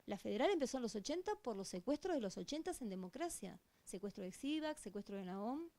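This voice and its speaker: A woman's voice: a little high, sing-song, quick pace, dark tone. A woman with an Argentine accent giving a conference lecture as a police voice-analysis expert, teaching through frequent rhetorical questions. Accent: Argentine Spanish. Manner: didactic, many rhetorical questions. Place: conference stage. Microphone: handheld or stand microphone.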